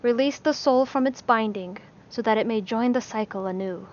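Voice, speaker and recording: A woman voicing a weary, formal young priest who speaks in a crisp, reserved way. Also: on the high side, normal speed, lightly acted. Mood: quiet, crisp. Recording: slightly dull lo-fi recording.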